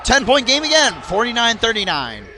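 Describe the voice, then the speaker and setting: A young man calling basketball play by play in a rapid, auctioneer-like patter that rises on big plays. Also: very high-pitched, wildly swooping pitch, sharp tone, a little hiss or hum. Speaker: play-by-play commentator.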